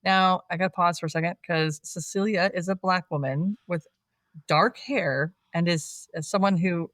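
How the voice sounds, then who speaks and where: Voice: mid-range voice, normal speed, no room sound. Chatty film-recap co-host, mid-range voice, dry close mic, laughs a lot. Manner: chatty, laughs often, animated asides. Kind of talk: casual film recap chat.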